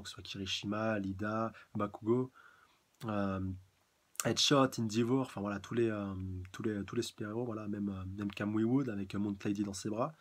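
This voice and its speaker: A man giving a casual live review of a comic chapter, halting and searching for words with many restarts. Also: lowish voice, husky. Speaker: manga reviewer.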